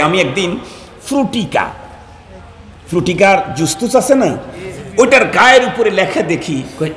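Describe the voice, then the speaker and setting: A man from Bangladesh preaching a fiery sermon, firing questions at the crowd and bursting into shouts. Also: high-pitched, roomy sound.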